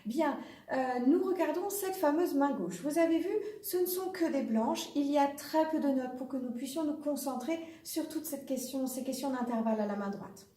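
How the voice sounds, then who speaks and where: A woman's voice: high-pitched, moderate pace, warm tone, echoey room, recorded from a distance. A woman giving a patient, step-by-step piano lesson, counting the beats aloud as she plays. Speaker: piano teacher.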